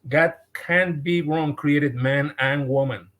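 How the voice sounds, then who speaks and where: A man with a Mexican accent, a guest on a podcast, speaking earnestly and haltingly, often repeating words as he restarts. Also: on the high side, fairly even intonation, a bit bright. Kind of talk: podcast interview.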